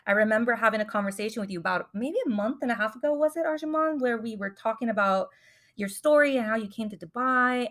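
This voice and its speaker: A woman's voice: medium pitch, fairly bright tone. A woman hosting a podcast, reading an enthusiastic introduction and then chatting with her guest. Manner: enthusiastic, upbeat. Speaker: podcast host. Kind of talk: scripted intro then casual interview.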